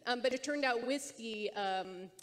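A woman's voice: a little high, unhurried. Rambling woman in a ringing hall. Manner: rambling, hesitant storytelling. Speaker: panelist. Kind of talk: panel talk. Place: festival stage.

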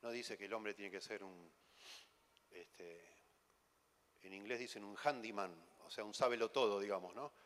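This Argentine-accented preacher speaks on the low side at a moderate pace with long pauses, his tone a bit bright. His conference sermon is teasing and conversational, heavy with rhetorical questions, recorded with long hall reverb.

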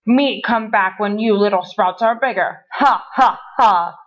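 A woman voicing a huge, stinky male monster who bellows slowly in broken caveman grammar, on a dull lo-fi recording. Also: mid-range voice, close to an everyday voice. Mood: mocking.

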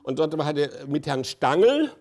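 A man's voice: on the high side, big pitch swings, a little slow, a little mellow. A man in his sixties, an interview guest, telling long anecdotes with many hesitant fillers and chuckles. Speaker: interview guest, festival director. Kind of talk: anecdotal conversation on stage.

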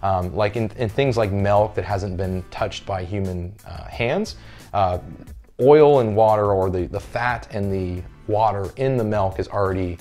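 A man's voice: fairly low pitch, measured pace, darkish tone, faint music behind. A man in his thirties, a fitness coach, explaining a topic in a casual, conversational way and checking in with "all right?". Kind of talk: casual talking-head lesson. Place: carpeted room with window blinds, indoors.

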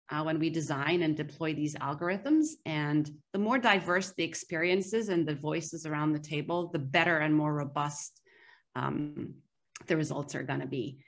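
A woman's voice: on the low side, a bit bright. A woman in her thirties from Egypt, a panelist speaking earnestly and fluently on a video call from a room at home, with frequent "you know" fillers. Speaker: panelist, AI scientist. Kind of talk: virtual panel talk.

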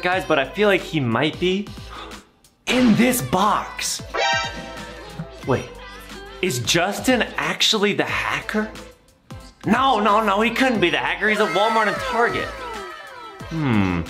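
Slow and full of long pauses, his kid-friendly gaming commentary still swings widely in pitch, full of playful, exaggerated reactions. He's a male host in his twenties recording in a small indoor room, where the sound is roomy and music plays behind him.

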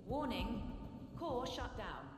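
A woman voicing an automated facility alarm computer in a game, giving clipped warnings over a loudspeaker about an overheating core. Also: fairly high pitch, sing-song, takes it slowly, heavy background noise. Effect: loudspeaker alarm announcement. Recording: echoey distant game audio with music.

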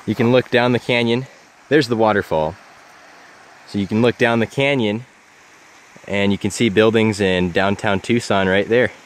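Out in a desert canyon, this young travel vlogger walks and chats informally to his audience, camera held at arm's length. He speaks in a relaxed way, his voice on the low side, at a moderate pace with frequent pauses.

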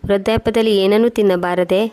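A loving young married daughter speaks up for her mother, as a woman narrator reads her part. The pitch stays narrow and level, and she sounds like a plain storybook reader. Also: brisk, natural voice. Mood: pleading. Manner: flat, even reading.

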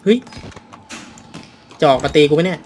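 A man hosting a horror game let's-play on a headset, talking casually with loud startled yelps and lots of swearing. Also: measured pace, slight background noise. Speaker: gaming channel host.

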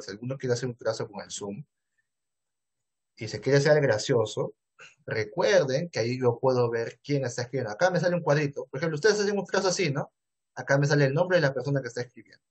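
A man's voice: mid-range voice, breathy edge. A man with a Peruvian Spanish accent teaching math in an online class over a video call, asking questions and answering them himself. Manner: asks and answers his own questions.

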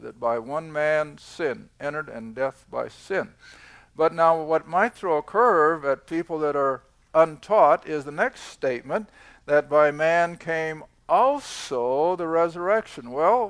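Male Bible teacher, folksy and chatty, fairly high voice, dry sound. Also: dry recording. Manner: folksy and conversational, slows for scripture reading. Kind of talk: informal Bible study teaching. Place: studio with small live audience.

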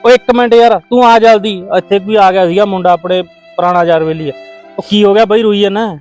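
A man with a Punjabi accent acting in a comic village sketch, brisk, impatient and coaxing. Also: high voice, fairly even intonation, a little mellow, soft background music. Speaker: comedy sketch actor.

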